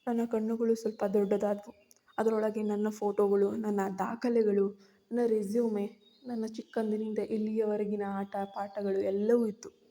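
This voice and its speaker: A woman's voice: mid-range voice, little pitch movement, moderate pace, warm tone. A woman narrating a suspense story in the first person, with tense, fearful storytelling.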